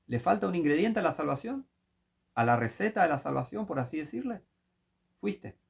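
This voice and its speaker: A man's voice: a little high, big pitch swings, normal speed, creaky, slightly rough. A man preaching a sermon, emphatic and full of rhetorical questions.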